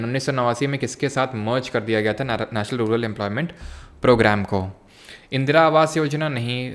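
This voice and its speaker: A young man teaching a live online exam-prep class, mixing Hindi with English terms and answering viewers' chat questions. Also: mid-range voice.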